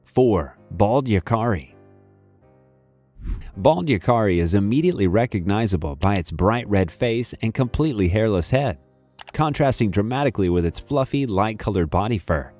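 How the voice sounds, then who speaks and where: Low-pitched man narrating a nature documentary over music. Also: expressive, brisk, darkish tone.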